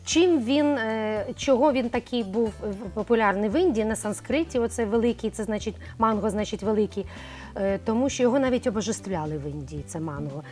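A chatty middle-aged woman, a cosmetologist invited onto a morning TV show, talking things through with a fair number of "uh"s. Her voice sits a little high. Soft music plays faintly behind her. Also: expressive, a little fast. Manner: chatty, explanatory, with hesitation sounds. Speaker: cosmetologist guest. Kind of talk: morning TV studio conversation.

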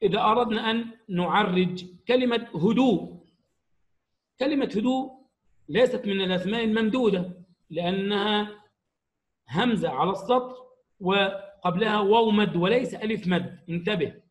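A man teaching an Arabic grammar lesson to young pupils, explaining slowly and stressing each example word. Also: high voice, low-quality recording.

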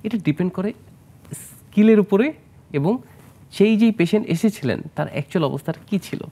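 A man's voice: high-pitched, animated, fairly quick, mellow. Man, surgeon guest, explanatory, studio interview, english terms mixed in. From Bangladesh. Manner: explanatory, mixes English medical terms, asks host questions.

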